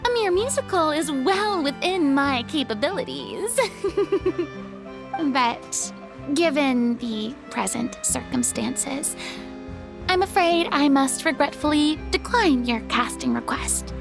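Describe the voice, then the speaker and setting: An actress voicing a haughty, dramatic retired stage diva in a video game, with theatrical, formal delivery. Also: female voice, high-pitched, animated, a little slow, gravelly, heavily acted. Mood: proud. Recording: background music under clean studio dialogue.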